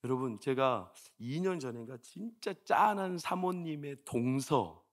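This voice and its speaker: In a mid-range, animated voice and at a measured pace, a senior pastor in his forties delivers a conversational sermon. He fires off rhetorical questions and shifts between hushed stories and loud, exasperated outbursts.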